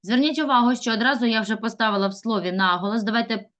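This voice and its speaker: A woman's voice: on the high side, fairly even intonation, fast, background noise. A woman teaching a classroom lesson, stretching out words as she dictates and coaxing pupils with questions. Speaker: primary school teacher.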